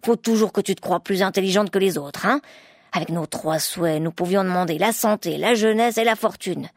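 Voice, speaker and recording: A woman's voice: lowish voice, normal speed, no room sound, clean studio sound. A woman voicing a hot-tempered poor male woodcutter who blusters in an exasperated way. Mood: blustering.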